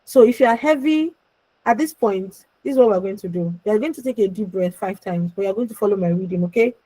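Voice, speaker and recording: A young adult woman hosting an online emotional healing session, reassuring attendees, calling them by name and pleading with them gently. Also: medium pitch, quick pace, no echo, low-quality recording. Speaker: conference host and emotional healing coach. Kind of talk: live online coaching session. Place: online video call.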